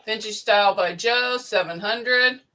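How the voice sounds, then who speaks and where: Bright-voiced woman calling out bids. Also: medium pitch. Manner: brisk, reads chat names and bid amounts in quick succession. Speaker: livestream host. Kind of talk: casual livestream chat, reading out bids. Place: indoor sewing room.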